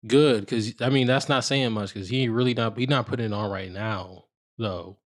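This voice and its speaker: A man's voice: on the low side, moderate pace. A man co-hosting a podcast, bantering casually in a laid-back, teasing, slangy way. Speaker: podcast co-host. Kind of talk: casual banter about fashion and basketball.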